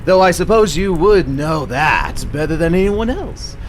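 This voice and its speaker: A man's voice: on the high side, expressive, slight background noise. A man playing a maniacal clown villain in a superhero radio drama, theatrical, mocking and gleefully cruel. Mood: mocking, menacing. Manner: theatrical, mocking, drawn-out delivery with swooping exclamations.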